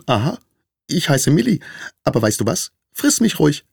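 A man reading a storybook and voicing an anxious little female mouse in a squeaky, piping voice. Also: sing-song, normal speed, vocal fry, darkish tone, husky, no echo, clean studio sound, exaggerated voice. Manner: jittery, despairing.

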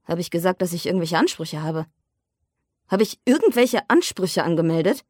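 A woman's voice: on the low side, expressive, moderate pace, no echo, clean studio sound. A woman voicing an irritable, jealous young man who talks sarcastically and flares into rants. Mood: sarcastic, suspicious. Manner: sarcastic, escalating into shouting rants.

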